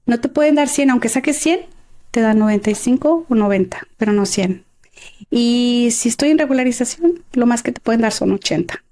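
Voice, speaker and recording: A middle-aged Mexican woman recounting her life as an interview guest, expressive and emotional and quick to laugh. Her voice sits somewhat high yet sounds warm and mellow rather than bright. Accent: Mexican Spanish. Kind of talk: personal life story in conversation.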